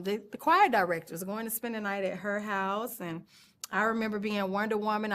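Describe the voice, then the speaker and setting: A woman, telling her life story on stage in short, reflective, halting phrases. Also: medium pitch, a bit bright. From Atlanta, Georgia, USA. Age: 40s. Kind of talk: personal storytelling monologue.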